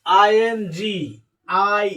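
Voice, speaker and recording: A man's voice: sits high, level tone, extremely slow, bright, forceful tone, recorded from a distance, rough recording. A male English teacher giving a spelling and pronunciation lesson, spelling out letters one by one and talking directly to his students.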